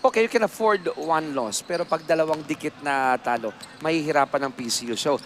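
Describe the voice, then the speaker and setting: A man's voice: a little high, fast, a little hiss or hum. A man with a Filipino accent giving conversational, explanatory basketball commentary as an analyst, often adding tag questions. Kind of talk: conversational pre-game commentary mixing Tagalog and English.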